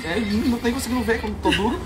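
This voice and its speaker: A man's voice: very high voice, very fast, heavy background noise. A man, hosting his vlog in playful, teasing casual chat. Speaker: vlog host. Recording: crowded room with lots of chatter.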